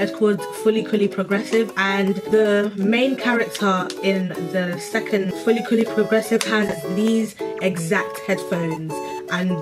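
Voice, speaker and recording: A woman vlogger speaking with a lisp from a new piercing, chatting bluntly and casually while unboxing, with some swearing. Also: medium pitch. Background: music.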